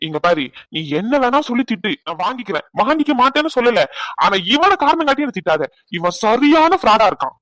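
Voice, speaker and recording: A fed-up young cartoon father, rants at his baby in a high, swooping voice. The sound is close and dry, with no room around it. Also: big pitch swings, a little fast, fairly bright tone, no room sound, full character voice. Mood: defensive. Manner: exasperated, ranting, comically aggrieved. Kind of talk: cartoon comedy dubbing.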